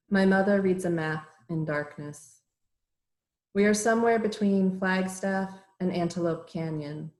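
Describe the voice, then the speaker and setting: A middle-aged woman poet reading her poems aloud over a video call, introducing each one in a measured, hesitant way. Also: on the low side, darkish tone. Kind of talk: poetry reading with short introductions. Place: home room on a virtual reading call. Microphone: computer mic on a video call. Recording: roomy echo.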